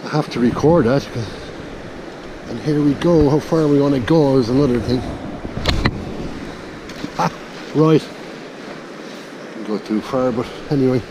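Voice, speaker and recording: A man's voice: medium pitch, measured pace, pauses often. A man from Ireland giving wry, casual running commentary while magnet fishing on a grassy riverbank, filmed on a head-mounted camera. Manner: wry, chuckling at small finds while hauling rope. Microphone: head-mounted action camera. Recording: outdoor wind noise.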